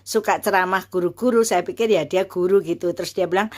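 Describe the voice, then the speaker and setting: A woman's voice: fairly low pitch, steady tone, a little fast. Earnest woman in her fifties. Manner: earnest and emotional, many fillers and restarts. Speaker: university lecturer. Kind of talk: personal testimony, casual storytelling.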